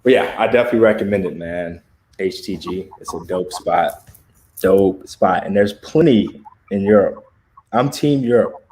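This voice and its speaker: Laid-back low-voiced American man chatting. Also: moderate pace, darkish tone, slight background noise. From United States. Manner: laid-back, laughs often, loose slangy talk. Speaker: livestream host. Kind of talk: casual livestream chat.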